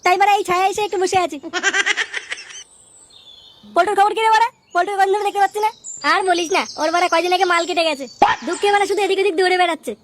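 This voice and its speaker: Brief: very high-pitched woman, rapid crude slangy cartoon banter, noisy recording. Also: fairly even intonation. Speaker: voice of several cartoon boys. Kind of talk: crude comic cartoon dub.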